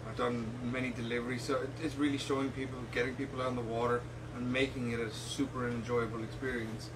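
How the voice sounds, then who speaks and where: A man's voice: medium pitch, flat delivery, fast. A man who works as a yacht captain, talking casually and jokily about the boat and his sailing life, often repeating words. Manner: easygoing, jokey, repeats words. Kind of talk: casual interview. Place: aboard a catamaran. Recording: distant mic with background noise.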